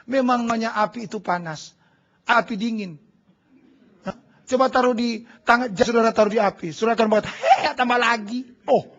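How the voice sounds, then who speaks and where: A man preaching a charismatic sermon as pastor, swinging between shouted exhortation and hushed low prayer. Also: dull audio. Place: large church hall.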